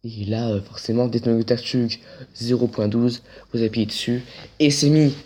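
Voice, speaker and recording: A man's voice: medium pitch, fairly even intonation, normal speed, dark tone. A man walking viewers through a game tutorial in a casual way. He hesitates often and restarts his sentences, and he drops dry, ironic asides. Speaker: tutorial creator.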